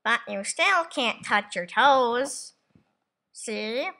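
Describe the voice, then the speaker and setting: A woman's voice: on the high side, animated, drawn-out words, pushed and bright, full character voice. Woman voicing a bossy droid gym teacher. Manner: bossy, sing-song, drawn out.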